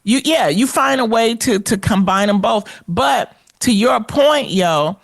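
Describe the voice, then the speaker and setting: A woman co-hosting a talk show, telling a story in an animated, colloquial way. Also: on the high side, measured pace, gravelly, no echo, clean studio sound. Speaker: co-host and red carpet correspondent. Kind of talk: casual talk-show chat.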